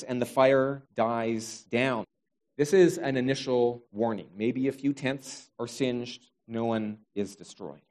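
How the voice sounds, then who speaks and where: Male preacher, slightly higher-pitched voice, wry and humorous as he retells scripture in a sermon.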